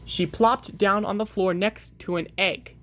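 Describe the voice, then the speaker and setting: A woman's voice: medium pitch, measured pace. Woman reading a children's book aloud. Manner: lively storybook voice, occasional slips and restarts. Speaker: reader.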